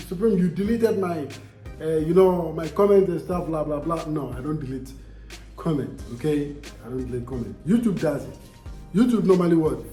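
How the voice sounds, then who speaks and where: A young man from Ghana, with a Ghanaian accent and a mellow voice on the high side, vlogs casually and responds to viewer comments. He's emphatic, repeats himself, and poses rhetorical questions, all in a reverberant space.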